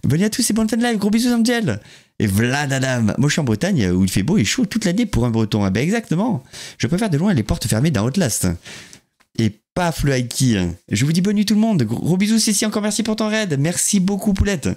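A French-speaking man streaming a horror game live, his voice sitting a bit high and swinging up and down a lot. He jokes around and greets his chat by name between bursts of play. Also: a little fast. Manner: lively, jokey, reads and greets chat.

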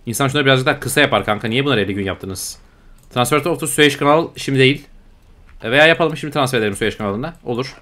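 A man's voice: medium pitch, quick pace, sharp tone. A young man giving casual, slangy commentary while playing a strategy game, often grumbling in exasperation at it. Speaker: gaming YouTuber. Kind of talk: casual let's-play commentary.

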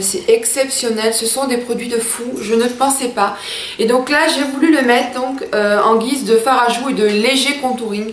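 Talking to her viewers as girls, a thirty-something beauty vlogger eagerly reviews makeup on camera in a relaxed way. The setting is a small indoor room at home, where her slightly high voice echoes.

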